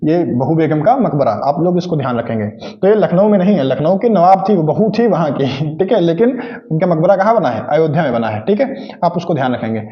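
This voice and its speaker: A man's voice: fairly high pitch, lively intonation, fairly quick, echoey room, dull audio. A man teaching an exam-prep lesson in a casual style, asking questions and answering them himself and repeating key facts. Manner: informal, joking asides.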